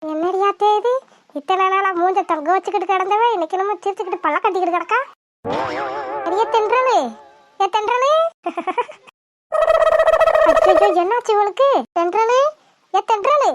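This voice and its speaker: A woman's voice: extremely high pitch, moderate pace, heavy background noise. Woman voicing a fussy superstitious village grandmother. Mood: fretful. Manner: scolding, fretful, nagging. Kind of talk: cartoon voice acting.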